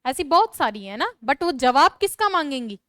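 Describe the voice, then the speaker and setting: Brief: woman grammar teacher, high-pitched, dry close sound, repeats points with emphasis while dictating. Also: sing-song, normal speed, pushed and bright, no echo. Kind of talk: classroom lesson explaining grammar.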